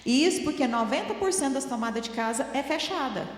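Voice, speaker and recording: High-voiced woman in an echoey hall. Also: lively intonation, fast talker. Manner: chatty, laughing, tells home stories. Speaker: parenting talk speaker.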